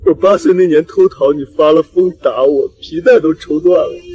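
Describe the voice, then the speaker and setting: A man's voice: a little high, normal speed, dark tone, slightly rough, muffled recording. An actor playing a grief-stricken, determined son seeking justice for his father in a short drama, pleading and tearful. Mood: anguished remorse. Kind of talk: emotional short-drama acting.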